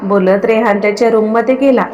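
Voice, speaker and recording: Woman storyteller, fairly high voice, long reverb; steady expressive read. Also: a little fast, dull audio. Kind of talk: scripted story narration.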